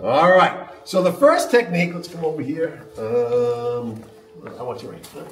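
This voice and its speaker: High-voiced man teaching martial arts. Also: expressive, a little slow, recorded from a distance. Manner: frequent "all right?" and "okay?" checks to the class; jokey, upbeat and encouraging. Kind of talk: seminar teaching with demonstration. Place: large training hall. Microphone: camera mic from a distance. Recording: echoey hall recorded from afar.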